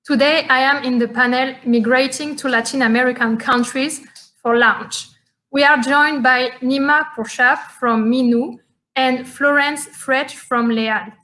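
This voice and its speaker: A woman's voice: sits high, sharp tone. A woman from France, moderating a conference panel with many fillers and restarts.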